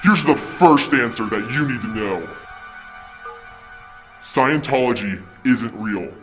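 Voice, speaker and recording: A man voicing a smug time-traveling version of himself from the future, his voice pitch-shifted deep, teasing in casual comedy-sketch talk. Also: lively intonation, takes it slowly, a bit bright, faint music behind.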